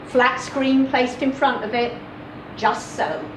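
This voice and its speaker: A woman reads a short story aloud in the first person as a live literary performance, her high voice expressive and deliberate with measured pauses between phrases. The mic catches her from a distance in an echoing room with clear background noise.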